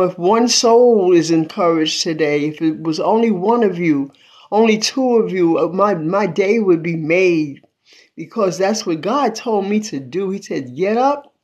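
An 82-year-old woman hosts a casual livestream from a small room in her home, holding her phone at arm's length as she greets viewers and calls out praise and thanks to God. Her voice sits in the mid range with a darkish tone, and the high frequencies are cut off.

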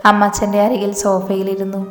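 A woman narrating a story in a steady, level voice that barely rises or falls. The reading rings with room echo and a long reverb tail. Soft music plays underneath. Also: mid-range voice, a little fast. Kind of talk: scripted narration.

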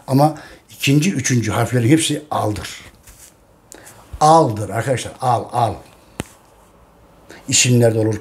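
Turkish man, channel host, lively pitch, repeats himself emphatically. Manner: repetitive, addresses listeners as friends, emphatic. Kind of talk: casual monologue to viewers.

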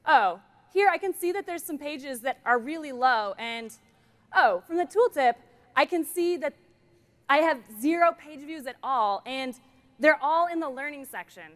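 On a large conference stage, a middle-aged woman with a high-pitched voice walks through a product demo via headset mic. She talks at normal speed with lively intonation, keeping it bright and playful and tossing in jokes between features.

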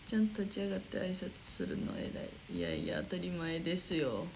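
A woman's voice: on the low side, wildly swooping pitch, a little fast, gravelly, darkish tone, a little hiss or hum, rough recording. A young woman with a Kansai accent chatting casually on a livestream, reading viewer comments aloud, giggling often and muttering to herself while she searches for the next one. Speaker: idol livestream host.

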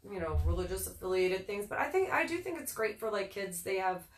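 A woman's voice: medium pitch, big pitch swings, a little fast. A woman from Northern Virginia co-hosting a casual live stream, reading listings in an easygoing way with small chuckles. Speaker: co-host. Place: local speed shop, indoors. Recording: echoey room, far from mic.

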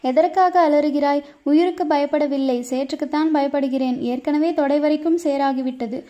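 A woman's voice: sits high, steady tone, moderate pace, mellow, close to an everyday voice. A woman voicing a boastful, teasing young male warrior in a storybook reading, with bantering, mock-dramatic lines. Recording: dull lo-fi recording.

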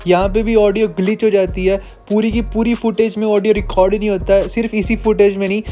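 A man recording a quiet late-night voice-over for his motovlog, speaking softly and holding back his volume on purpose. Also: sits high, level tone, fast talker, soft background music.

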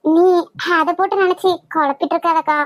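A woman's voice: very high-pitched, fairly even intonation, a little fast, no echo, muffled recording, voice pushed down. A woman voicing a loyal younger sister comforting her sibling, with a Kanyakumari Tamil accent. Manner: pleading, comforting.

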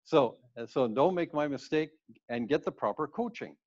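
A man's voice: on the high side, lively intonation, normal speed, a little mellow. Older man talking through slides, dull sound. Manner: conversational, rambling with restarts. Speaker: cruise ship speaker. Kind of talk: slide presentation talk. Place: indoors in front of a plain wall.

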